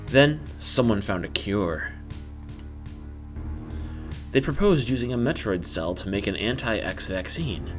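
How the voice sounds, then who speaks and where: A man's voice: fairly low pitch, close to an everyday voice. A man voicing a solemn female bounty hunter narrating game story, in stilted amateur bad acting. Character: solemn female space bounty hunter recounting her past.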